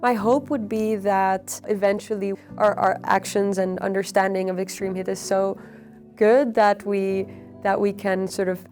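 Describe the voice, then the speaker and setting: A young adult woman, a PhD researcher, explaining in measured interview answers with frequent ums and uhs. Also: mid-range voice, over music. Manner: measured, even, with frequent fillers. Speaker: PhD researcher on extreme heat.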